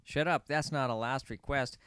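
A man's voice: medium pitch, normal speed, fairly bright tone, natural voice. A man playing a gloating, silly villain in an amateur cartoon, mock-menacing and chatty. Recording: faintly noisy amateur recording with clicks.

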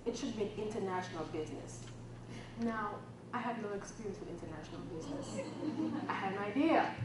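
A woman's voice: medium pitch, a little fast. A woman from the Caribbean giving a humorous motivational talk at a conference, telling self-mocking stories and acting out dialogue. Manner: lively storytelling, self-mocking, acts out quoted dialogue. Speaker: keynote speaker. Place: conference hall. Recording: echoey hall from far off with background noise.

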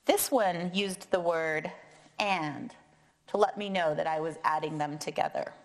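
Slow, lowish-pitched American kindergarten teacher woman. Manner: kindergarten teacher voice, deliberate counting, prompting questions. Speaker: kindergarten and first grade math teacher. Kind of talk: read-aloud lesson for young children. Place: indoor classroom or meeting room, seated at a table.

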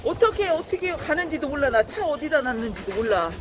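Masked woman vlogging, high lively voice. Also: brisk, background noise. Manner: chatty, talking to herself and the camera. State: talking through a face mask. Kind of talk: casual vlog commentary while out skating and shopping. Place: outdoor market.

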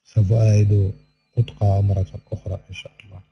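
A man giving a recorded online language lesson, repeating each word slowly and stretching its vowels. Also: fairly low pitch, little pitch movement, muffled recording, faint music behind. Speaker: Spanish teacher.

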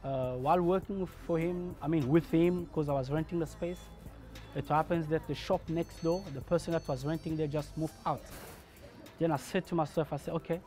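A man in his thirties tells his story as a barbershop owner in a documentary interview, pausing and restarting often as he searches for words. His voice sits a little high and stays flat, with only small rises and falls. Faint music plays under him. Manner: hesitant, many restarts and fillers. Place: barbershop, indoors.

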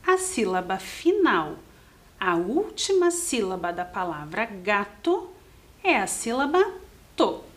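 A woman teaching a primary school lesson to children, patiently spelling and counting aloud step by step. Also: medium pitch. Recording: roomy echoing room.

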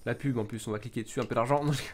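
A man's voice: mid-range voice, fairly even intonation, very fast. A young man, a gaming YouTuber, casually commenting on his old videos in a jokey, self-mocking way, laughing often and swearing casually into a desktop mic. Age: young adult.

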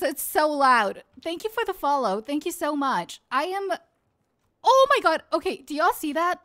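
A woman's voice: high-pitched, fairly bright tone. A young woman streaming a game live, swearing, jumpy and panicky, trash-talking her opponents. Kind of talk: live gaming stream commentary.

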